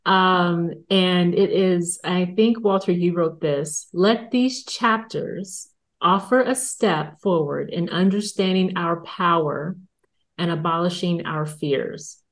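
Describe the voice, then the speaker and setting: A woman hosting a book review interview, asking questions in a measured, polite way. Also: fairly low pitch.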